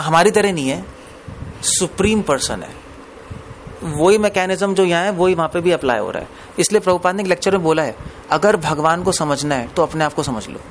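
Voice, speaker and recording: Male preacher, slightly raised pitch, chatty lecture tone that keeps asking the room questions, faint hiss behind. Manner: conversational, asks the audience questions; mixes English phrases into Hindi. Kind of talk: Hindi scripture discourse.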